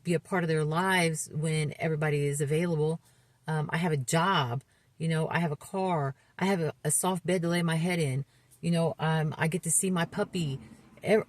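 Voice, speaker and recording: In a low, grounded voice, a woman in her fifties, a recovery vlogger, gives candid personal testimony about her life. She speaks earnestly and haltingly, frequently restarting sentences. The recording is close and dry, with no room sound or echo.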